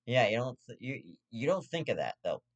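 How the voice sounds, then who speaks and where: A man's voice: medium pitch, sing-song, normal speed, dull audio. Young guy ranting on his own show, swears a lot, trips over his words, half joking. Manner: profane, rambling, stammering restarts, half-joking. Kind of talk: ranting casual commentary.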